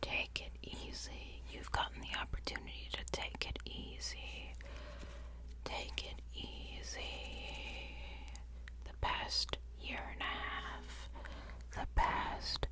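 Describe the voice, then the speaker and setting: A woman whispering an ASMR pep talk in a soothing, encouraging manner, repeating phrases over and over. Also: takes it slowly. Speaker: ASMR host giving affirmations.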